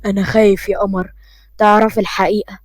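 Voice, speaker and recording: Brooding young Egyptian man, acted by a woman, low and worried, dry and close. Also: level tone, fast, dry recording, lightly acted. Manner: low, worried inner monologue.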